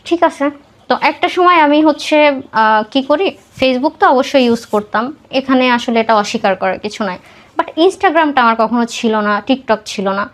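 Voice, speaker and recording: A young woman with a high voice takes her time as she talks. With a Bangladeshi accent, she tells her personal story in a conversational podcast interview, blending in English words.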